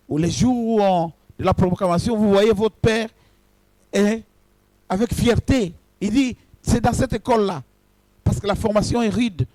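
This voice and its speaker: A man's voice: high-pitched, a little mellow, no room sound. A man, a pastor, preaching a sermon in short phrases and addressing his congregation directly.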